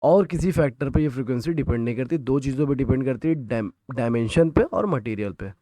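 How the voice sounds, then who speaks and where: A man with an Indian accent teaching a recorded physics lesson, explaining in Hindi and reading out English definitions slowly. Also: medium pitch, dark tone, no echo.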